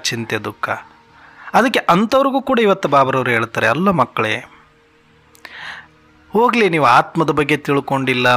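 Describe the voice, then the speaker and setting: A man's voice: fairly high pitch, pushed and bright. A man giving an earnest devotional sermon, asking one rhetorical question after another and speaking in God's voice to his children. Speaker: spiritual speaker.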